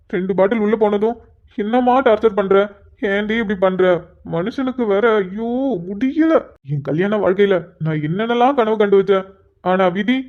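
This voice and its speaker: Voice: medium pitch, natural voice. An exasperated young cartoon husband, voiced by a performer, pleading and sighing to himself. The audio is a little dull and lo-fi. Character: flustered young married man, patient and exasperated.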